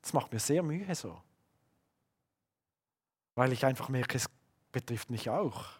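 A man who has children of his own, preaching a sermon and swinging between loud emphatic bursts and hushed, slowed-down lines. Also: medium pitch, animated, husky. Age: adult, father of young children.

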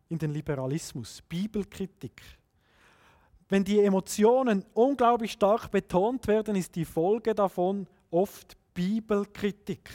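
High-voiced earnest man preaching. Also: a little mellow. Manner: earnest, emphatic, frequent pauses. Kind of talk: sermon.

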